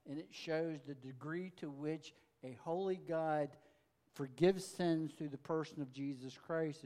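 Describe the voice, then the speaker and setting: High-voiced man reading scripture in a sermon. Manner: reads with rising, forceful emphasis. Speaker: pastor. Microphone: mic checked aloud.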